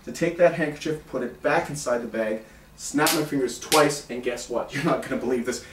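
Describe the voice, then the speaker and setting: A man's voice: mid-range voice, brisk. A middle-aged man performing as a theatrical stage magician, bantering playfully and giving instructions to his audience. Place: indoor room with small stage setup. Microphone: far camera. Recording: roomy, distant camera mic with background noise.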